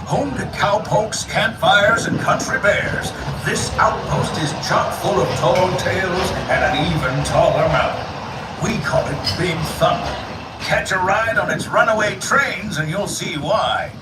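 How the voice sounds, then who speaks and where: An actor playing a cheerful old-timey train conductor with a folksy drawl, played over an outdoor loudspeaker. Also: male voice, sits high, a little slow, heavy background noise. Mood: rowdy. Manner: folksy drawl, lively sing-song delivery. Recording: distant loudspeaker with loud music.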